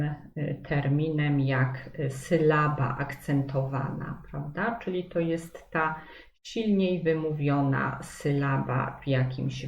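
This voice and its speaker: A woman teaching a pronunciation lesson, who explains slowly, repeats key points and fills pauses with hesitations. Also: deep voice. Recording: echoey room with faint noise.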